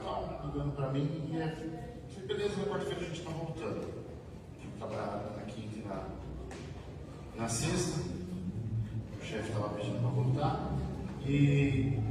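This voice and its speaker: A man with a Brazilian Portuguese accent giving a rambling, repetitive spoken testimony at a church service. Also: fairly high pitch. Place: church hall. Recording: echoey church hall from far off with background noise.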